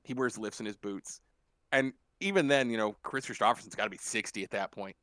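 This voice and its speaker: Bright, animated man telling a story. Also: lowish voice, brisk, dry recording. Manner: animated, profane, acts out quotes loudly. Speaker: podcast co-host. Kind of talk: casual storytelling chat.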